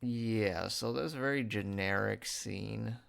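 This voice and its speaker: A young man hosting a radio show from the studio reviews a film loosely, tripping over words and leaning on "like," all with a retainer in his mouth. He speaks slowly in a lowish, gravelly yet smooth voice with a slightly bright quality.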